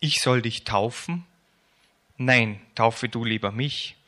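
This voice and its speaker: A man voicing an adult male prophet who loudly and slowly calls the crowds to repent. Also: mid-range voice. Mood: insistent. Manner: loud, slow, proclaiming calls.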